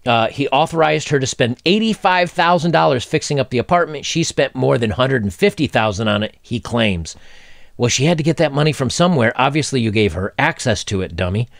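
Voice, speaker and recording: Blunt forties guy ranting about a news story, gravelly voice, dry close sound. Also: mid-range voice, animated, a little fast, no room sound. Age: 40s. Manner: opinionated, blunt, mocking asides. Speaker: commentator. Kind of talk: casual commentary reading a news story.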